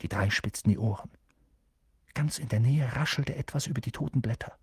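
A man narrating an audiobook in a measured storytelling manner. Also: medium pitch, a little mellow, breathy edge, no room sound, clean studio sound. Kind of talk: scripted narration.

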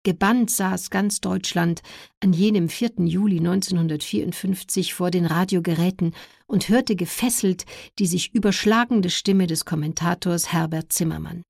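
A woman's voice: on the low side, moderate pace, vocal fry, darkish tone, no echo, clean studio sound. A woman reading a scripted historical narration as a documentary narrator.

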